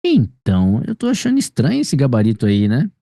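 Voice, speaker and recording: A man's voice: mid-range voice, huge pitch swings, fairly quick, gravelly, warm tone, no room sound, clean studio sound. A man with a Brazilian accent tutoring a student one-on-one over a video call, explaining patiently and often checking that she follows. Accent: Brazilian Portuguese. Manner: explanatory, checks understanding with frequent tag questions. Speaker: grammar teacher.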